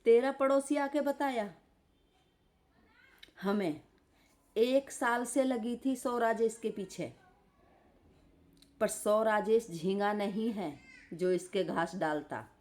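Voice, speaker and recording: Woman live streamer, lies in bed and hurls scolding insults in a roast rant; dark, even tone. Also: mid-range voice, slow, long pauses. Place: lying in bed.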